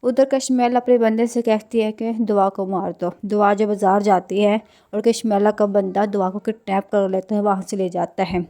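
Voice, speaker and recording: A woman's voice: mid-range voice, steady tone, warm tone. A woman hosting a channel that recaps drama episodes, retelling scenes casually and reading the characters' lines in her own plain voice. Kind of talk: casual spoken story recap.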